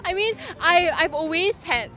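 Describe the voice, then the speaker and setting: A woman's voice: extremely high pitch, lively intonation, measured pace. A woman in her twenties answering interview questions at an outdoor event, hesitant and full of fillers. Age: 20s. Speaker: event volunteer.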